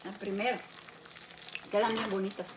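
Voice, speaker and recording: A Mexican woman hosting a cooking livestream chats and jokes with viewers in her home kitchen, laughing often and talking into a phone held close. Her mid-range voice keeps a level tone at normal speed, with heavy background noise and faint frying and sizzling.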